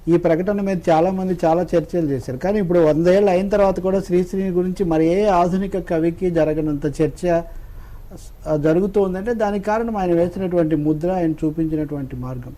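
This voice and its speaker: A man's voice: sits high, fairly even intonation, a little fast, mellow. A man speaking as a guest scholar in a discussion, explaining step by step and quoting verse along the way. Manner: explanatory, building points in lists.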